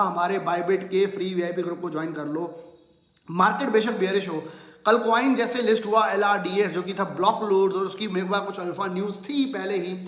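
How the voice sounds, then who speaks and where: High-voiced man in an echoey bare room. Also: fairly bright tone. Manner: promotional, persuasive, mixes in English phrases. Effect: heavy echo from a bare room. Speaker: market commentary channel host. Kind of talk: casual market explainer to viewers. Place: room with almost no furniture. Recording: echoey sparsely furnished room.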